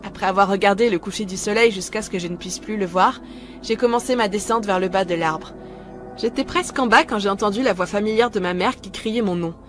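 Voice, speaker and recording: A woman narrating a first-person horror story in a calm, measured way, scripted. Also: mid-range voice, faint music behind.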